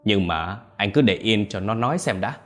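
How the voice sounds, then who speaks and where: A calm middle-aged father speaks with measured firmness, as a man plays him, in a low voice with lively turns of pitch. Faint music runs behind him. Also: close to an everyday voice.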